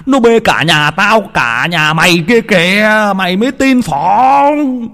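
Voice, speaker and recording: A man voicing a hot-tempered older husband who yells and stammers abuse in a ghost story. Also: lowish voice, racing. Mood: raging, shouting. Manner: yelling, stammering in rage. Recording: long hall reverb.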